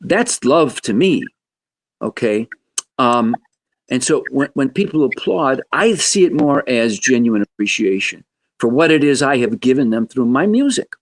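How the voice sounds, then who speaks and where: A man in his seventies speaks as a guest on a podcast, telling stories with a joking edge. His voice is of middle pitch for a man but leaps up and drops down often. He sounds animated and playful. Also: unhurried. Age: 70s. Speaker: guest musician. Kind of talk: podcast interview storytelling.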